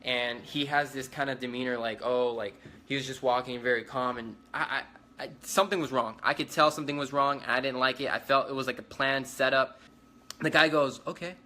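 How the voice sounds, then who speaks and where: A man recounting what he went through as an eyewitness, in a forceful, tense, bright voice at a middle pitch. He talks urgently, loops back on the same phrases and restarts his sentences as he goes. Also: fairly even intonation, a little fast, slight background noise. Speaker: eyewitness survivor. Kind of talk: spoken eyewitness account.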